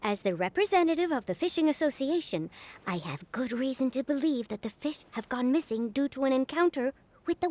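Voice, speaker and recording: A woman with a high voice plays a dramatic, superstitious fishing official in a video game, speaking like an earnest, theatrical storyteller.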